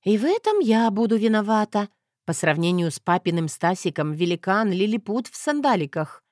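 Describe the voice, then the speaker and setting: Woman, audiobook narrator, steady wry reading, dry close sound. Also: medium pitch, normal speed, no room sound. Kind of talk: first-person audiobook narration.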